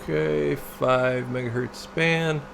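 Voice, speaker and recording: A gravelly, mid-range voice belongs to a radio technician showing off a CB radio. He goes slowly, casually narrating an unscripted demo and muttering his thoughts aloud as he works, with equipment humming steadily in a noisy room.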